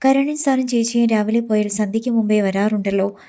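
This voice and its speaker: A woman's voice: fairly high pitch, fairly even intonation, fairly quick, mellow, close to an everyday voice. Woman doing a coy, teasing village maid. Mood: coaxing. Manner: coaxing, mock-sulky questions. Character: playful thirty-year-old village housemaid, teasing and coy.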